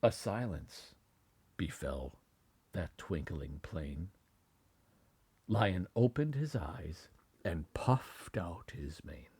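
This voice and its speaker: A man narrating a children's bedtime story expressively, with dramatic, drawn-out phrasing. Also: sits low, a little mellow, breathy edge. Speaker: parent reading a bedtime story. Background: music and added sound effects.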